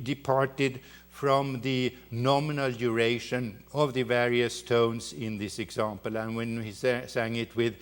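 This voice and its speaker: A man giving a university lecture on the voice. He explains step by step and often pauses to correct himself. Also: mid-range voice. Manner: halting, with many fillers and restarts. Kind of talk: academic lecture.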